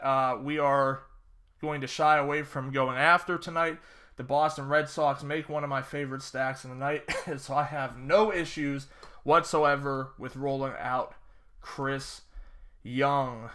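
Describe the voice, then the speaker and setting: A young man talks through his daily fantasy baseball picks in a loose, rambling way, full of fillers and dry sarcastic asides. His voice is bright and forward, sitting a little higher than most men's. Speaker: fantasy sports analyst. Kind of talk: casual solo sports-betting breakdown.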